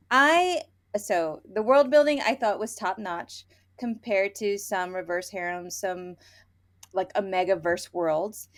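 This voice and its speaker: A woman co-hosts a casual podcast reviewing romance novels, speaking slowly in a mid-range voice. Her manner is conversational, emphatic, and full of opinions.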